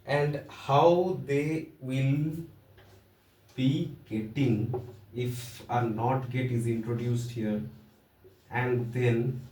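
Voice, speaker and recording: Slow-talking Indian man teaching in an echoey room. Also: medium pitch, steady tone, darkish tone. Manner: jokey, sarcastic, loose hesitant phrasing. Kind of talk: casual explanatory lesson. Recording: roomy echo, voice from a distance.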